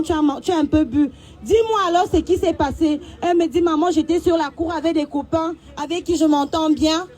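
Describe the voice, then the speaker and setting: High-voiced woman telling a story. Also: darkish tone. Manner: halting storytelling with many restarts and acted-out dialogue. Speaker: mother telling what happened to her daughter. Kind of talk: emotional personal testimony.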